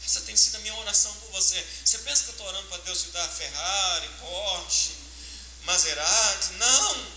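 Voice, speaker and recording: Fervent high-voiced preacher in a church. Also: male voice, moderate pace. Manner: fervent, emotional preaching with sudden loud and soft swings. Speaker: pastor. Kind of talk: sermon. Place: church sanctuary. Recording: roomy church echo, faint hiss.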